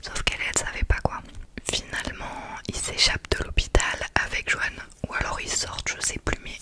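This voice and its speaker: A woman whispers softly, as if in a library, giving an ASMR book review in a halting, reflective way. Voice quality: soft unvoiced whisper throughout. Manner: hushed, library-style whispering. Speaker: ASMR creator reviewing books.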